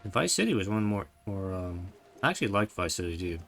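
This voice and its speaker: A man's voice: deep voice, sing-song, fairly quick, creaky, a bit bright, a little hiss or hum. A man giving rambling, casual commentary while playing a video game. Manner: rambling, chatty, trails off mid-thought. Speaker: gameplay streamer.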